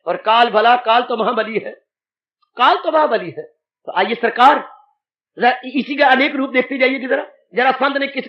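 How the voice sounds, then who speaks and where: A man giving an animated devotional sermon as a spiritual teacher, exclaiming and dramatizing as he speaks. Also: very high-pitched, dull audio. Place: satsang hall. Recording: echoey 1980s hall recording.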